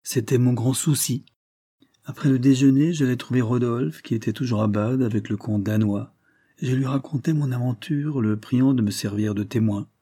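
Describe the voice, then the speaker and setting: Male audiobook narrator, measured and even, mellow husky tone. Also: mid-range voice, dry recording, studio quality. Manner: measured, even first-person reading. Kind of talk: scripted storybook narration.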